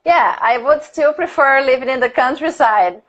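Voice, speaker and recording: Laughing often and thinking aloud with fillers, a woman from Brazil chats her way through a casual English conversation class on a livestream. Portuguese is her first language and she has a Brazilian accent; her high-pitched voice moves at a moderate pace with a lo-fi sound.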